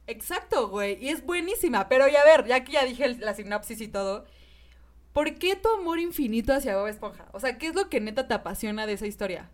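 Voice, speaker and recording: A woman in her twenties with a Mexican accent, hosting a podcast and telling stories in a lively way, laughing often. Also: fairly high pitch, brisk. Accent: Mexican Spanish. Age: 20s. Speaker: podcast host. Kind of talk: casual chat.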